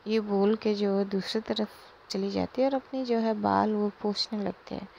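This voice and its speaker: A woman's voice: mid-range voice, level tone, normal speed, creaky, dark tone, a little hiss or hum. A woman narrating a romance story in a casual, plain way, with many fillers. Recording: slightly dull lo-fi recording.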